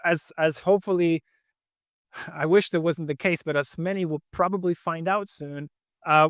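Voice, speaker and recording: Relaxed articulate man from Venezuela. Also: on the high side, no echo, clean studio sound. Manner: relaxed and articulate, with frequent fillers. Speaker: guest, fintech co-founder. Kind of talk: conversational interview answers.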